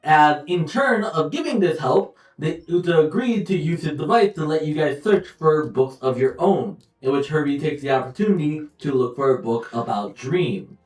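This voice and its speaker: A young man running a tabletop game, casually recapping and setting the scene in a loose, rambling way with frequent pauses and self-corrections. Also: fairly high pitch, expressive, darkish tone. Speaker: game master. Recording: roomy echo, distant mic, faint music behind.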